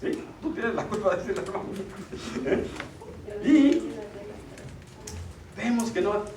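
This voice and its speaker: Middle-aged guy giving a church retreat talk, kinda high voice, far off mic in an echoey hall. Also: expressive, measured pace, a crowd in the background. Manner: earnest, questions the audience with tag "ok?". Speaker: lay speaker at a church retreat.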